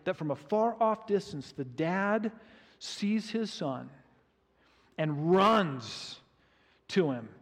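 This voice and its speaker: High-voiced male pastor, animated storyteller, long hall reverb. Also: takes it slowly, long pauses. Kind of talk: sermon.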